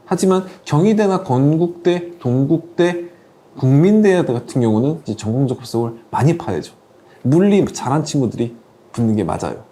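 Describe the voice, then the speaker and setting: A male consultant explains things in a conversational way. His voice is mellow and of medium pitch, with animated, emphatic intonation as he gives examples. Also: moderate pace. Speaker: admissions consultant guest.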